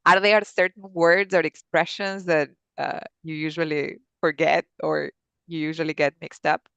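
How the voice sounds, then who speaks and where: A woman whose first language is Spanish, asking slow, careful questions in English as an interviewer. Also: low-pitched, steady tone, vocal fry, fairly bright tone, clear, resonant tone, no echo. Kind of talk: casual interview.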